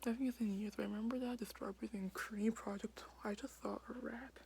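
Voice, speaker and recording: A young woman vlogging in a hushed whisper late at night in a basement, filling her talk with "like" and "um". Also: on the high side, fairly even intonation, quick pace, vocal fry, slight background noise. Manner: whispering quietly, many fillers like "like". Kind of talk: casual whispered vlog.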